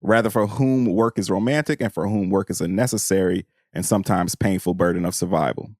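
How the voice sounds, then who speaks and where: In studio-quality audio with no echo, a man with a deep, slightly mellow voice speaks briskly. He co-hosts a podcast, casually discussing a book and reading from it, his speech informal and full of slang and "you know."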